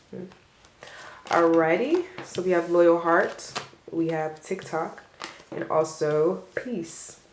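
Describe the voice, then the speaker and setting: A woman doing a casual tarot reading for her viewers, rambling and reassuring, with frequent fillers and small laughs. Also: fairly low pitch. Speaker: tarot reader. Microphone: camera mic. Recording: roomy echo.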